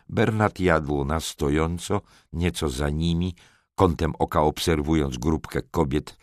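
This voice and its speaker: A man narrating a historical novel as an audiobook, measured and steady. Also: extremely low pitch, dry recording, clean studio sound.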